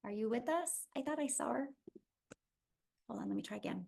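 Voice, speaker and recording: A woman's voice: on the high side, animated, fairly quick, creaky, darkish tone, breathy edge. A woman hosting a live webinar over a video call, encouraging and effusive as she brings in her next guest. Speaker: webinar host.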